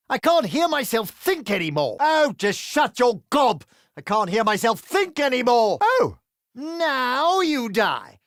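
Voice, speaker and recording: A man with a British accent voicing a crude, sardonic male adventurer who trades cheeky, quick-witted quips in a video game. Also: very high voice, a bit bright, dry recording, clean studio sound, exaggerated voice. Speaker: playable game character.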